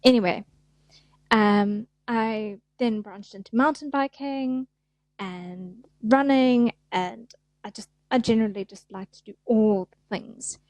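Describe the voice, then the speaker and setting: Her pitch is fairly high and her pace slow, with a slightly mellow sound on a low-quality, echo-free recording. She's a middle-aged South African fascia therapist chatting on a casual podcast interview, easygoing and self-deprecating, acting out little voices as she goes.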